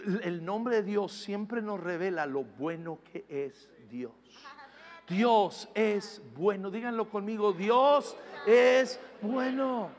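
A pastor, preaching a sermon in Spanish, speaking directly to his congregation and building up to passionate shouting. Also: high voice, expressive, slow. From United States.

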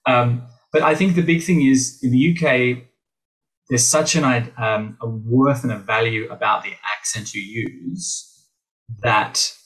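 Here the same kind of speaker, an Australian man who acts and teaches voice, thinks aloud in a podcast interview, full of restarts and impersonations of teachers he cites. His pitch is medium and fairly even, his pace measured, his tone a bit bright. The audio quality is poor.

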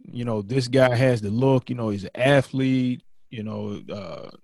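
A man's voice: medium pitch, a little slow, creaky, a little mellow, dry recording. A male co-host asking probing follow-up questions in a podcast interview.

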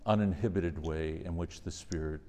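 Low voiced guy, priest doing a thoughtful talk and prayers, big echoey hall reverb. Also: moderate pace, dark tone, slight background noise. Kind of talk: religious lecture and prayer. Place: large reverberant indoor room.

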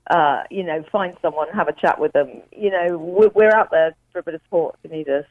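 A woman's voice: sits low, brisk, no room sound. A woman speaking as a radio guest, a psychologist giving casual advice over a narrow call line.

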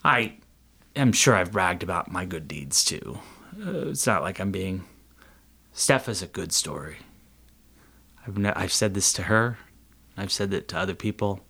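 Male candidate, low and gravelly, wry and chatty in a podcast interview. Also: animated, a little slow, pauses often, bright, forceful tone. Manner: chatty, sarcastic, laughs at own jokes. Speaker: city council candidate.

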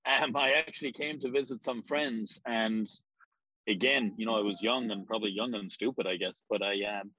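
A man's voice: on the low side, steady tone, moderate pace, bright, forceful tone, breathy edge, no room sound. A man in his forties with an Irish accent, answering interview questions in a rambling, hesitant way with frequent ums. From Ireland. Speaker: real estate agent, guest. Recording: dull lo-fi sound.

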